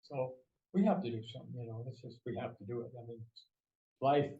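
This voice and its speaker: A man's voice: mid-range voice, steady tone, fairly quick, vocal fry, warm tone, reverberant, muffled recording. An elderly man in his eighties, a property owner giving rambling, folksy testimony with restarts. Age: 80s. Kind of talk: casual testimony.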